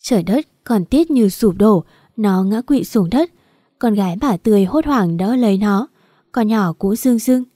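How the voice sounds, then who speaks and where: A woman narrating an audiobook story, steady and even. Her tone is warm and mellow. The recording is dry and close. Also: mid-range voice, unhurried, no room sound.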